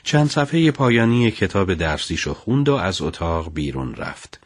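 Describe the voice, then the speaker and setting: A man narrating a family story in a calm, even storytelling manner. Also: deep voice, no echo, studio quality.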